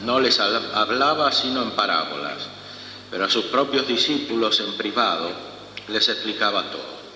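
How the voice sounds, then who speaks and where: Priest with cathedral echo. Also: male voice, fairly low pitch, animated, bright, forceful tone. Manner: slow, measured delivery with long pauses. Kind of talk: reading the Gospel and preaching a homily. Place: large church. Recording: long echoing church reverb, faint room hum.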